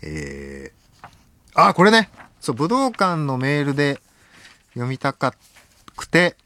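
Excitable man hosting late-night radio. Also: takes it slowly. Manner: excitable, swings between loud exclamations and low muttered asides. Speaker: radio show host. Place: radio studio.

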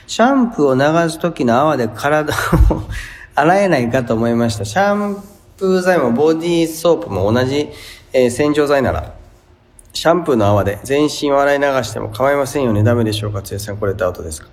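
A man's voice: medium pitch, animated, a little fast. A man with a Kansai accent hosting a radio show, reading listener letters and giving chatty, amused commentary. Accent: Kansai Japanese. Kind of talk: casual radio chat.

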